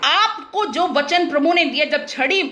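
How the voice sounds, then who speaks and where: A woman's voice: high voice, unhurried, bright, forceful tone, a little hiss or hum. An Indian woman pastor preaching a sermon in an emphatic, blunt way with teasing humor.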